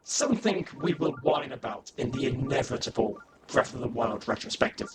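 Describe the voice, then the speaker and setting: A man's voice: mid-range voice, big pitch swings, moderate pace, vocal fry. A man giving comedic, critical game commentary, cutting in with pedantic, sweary corrections. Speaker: commentator in a video essay. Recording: prominent music behind the voice. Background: music.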